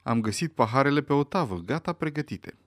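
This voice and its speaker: A man reading aloud, voicing an easygoing young gentleman who talks in a casual, breezy way. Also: medium pitch, lively intonation, no echo, clean studio sound, pitched above the performer's own voice, natural voice.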